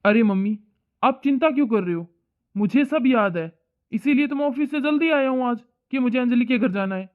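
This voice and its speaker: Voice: medium pitch, animated, brisk, natural voice. Cartoon son, stubborn and arguing, actor voicing, narrow tinny phone-like sound. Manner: pleading, arguing back. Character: young working man, the son, reasonable but stubborn. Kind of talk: cartoon moral story dubbing.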